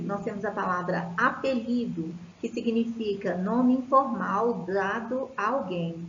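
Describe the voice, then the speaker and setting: A Brazilian woman teaching a recorded lesson, explaining slowly with many fillers and restarts. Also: a little high, echoey room, highs cut off, slight background noise. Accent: Brazilian Portuguese.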